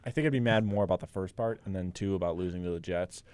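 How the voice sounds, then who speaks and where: A young man co-hosting a sports podcast in casual chat, animated and teasing. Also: low-pitched, fast, heavy background noise. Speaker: podcast co-host.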